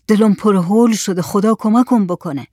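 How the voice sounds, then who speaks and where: A man's voice: high-pitched, mellow, no room sound, clean studio sound. A storyteller voicing a frightened village man who pleads anxiously in a raised voice. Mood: fearful. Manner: trembling, pleading speech.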